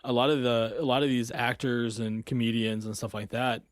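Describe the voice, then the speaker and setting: A man co-hosting a podcast, chatting loosely and circling back over his own points. His voice sits at an ordinary middle pitch. The sound is close and completely dry, with no room around it. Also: level tone, a little fast, dry recording. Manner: rambling, trails off and restarts. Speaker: podcast co-host. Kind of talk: casual chat.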